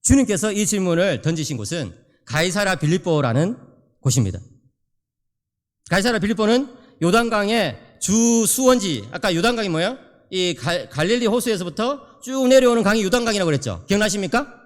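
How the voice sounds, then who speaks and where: High, lively male preacher in a hall. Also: fairly quick. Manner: animated, asks the audience questions. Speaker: theology professor preaching. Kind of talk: sermon lecture. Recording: echoey hall reverb.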